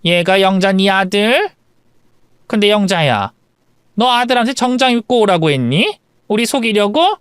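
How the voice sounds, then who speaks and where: A man's voice: high voice, sing-song, moderate pace, a bit bright, clear, resonant tone, no echo, clean studio sound. A man voicing a sneering, mocking middle-aged woman bully in a story radio drama. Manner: mocking, cackling.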